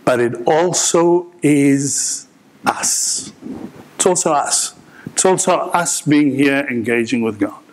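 Middle-aged male pastor, earnest sermon, halting restarts, repeats lines for emphasis. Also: mid-range voice, a little hiss or hum, low-quality recording. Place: large indoor church hall.

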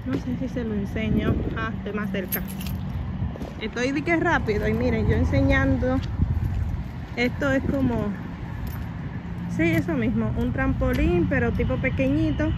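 A woman chatting excitedly to her viewers in a casual vlog, filmed on a handheld phone as she moves around outside and at home. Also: fairly high pitch, heavy background noise. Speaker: vlogger, mother.

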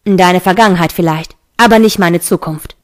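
A woman's voice: on the low side, normal speed, natural voice. A woman reading the lines of a tense, stubborn young male angel in a fantasy audiobook.

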